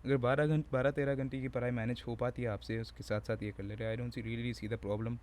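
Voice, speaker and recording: A man's voice: mid-range voice, flat delivery, brisk, darkish tone. A young man, chatting casually to camera at home in a rambling, self-mocking, slangy way. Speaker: vlogger. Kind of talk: casual joking chat to camera.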